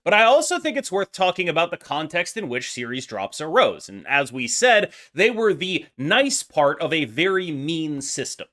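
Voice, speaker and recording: A man's voice: fairly high pitch, sing-song, moderate pace, hardly any pauses, bright, forceful tone. A man giving unscripted opinion commentary as a gaming content creator, arguing emphatically and discursively with many qualifications.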